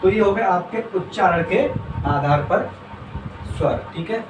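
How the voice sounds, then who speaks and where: Male teacher, patient and repetitive, pitch on the high side, recorded from across a reverberant room. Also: a little slow, recorded from a distance. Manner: patient, repeats questions to students and answers them; uses "theek hai" constantly as a check-in. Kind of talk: classroom lesson on Hindi vowels. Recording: echoey room, voice from off the mic, faint hum.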